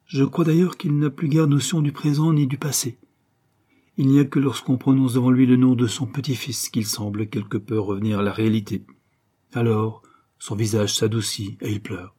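A man voicing an earnest young avenger and devoted son, grave and measured. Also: medium pitch, flat delivery, warm tone, slightly rough, natural voice. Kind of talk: audiobook reading.

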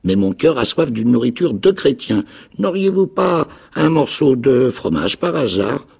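An actor playing a ragged, half-mad old marooned pirate with a raspy, creaking voice, pleading and eager in a dramatic radio reading of a novel. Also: male voice, unhurried, heavily acted. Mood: wistful pleading. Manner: high, pleading, eager voice with excited leaps.

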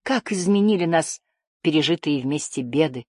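Earnest teen boy hero voiced by a woman reader, storybook dialogue, low and dry. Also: animated, normal speed, mellow, no room sound.

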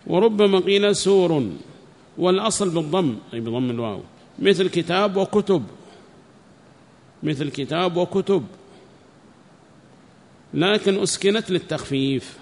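A man teaching a religious text, reading each phrase and then repeating it slowly with explanations. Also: a little high, expressive. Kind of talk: classical text lesson with commentary. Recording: long reverb.

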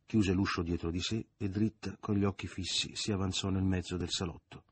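A man narrates a novel in a low, husky voice, measured and dramatic, sometimes sinking almost to a murmur. The sound is close and dry, with no room around it. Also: steady tone, no room sound. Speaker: audiobook reader.

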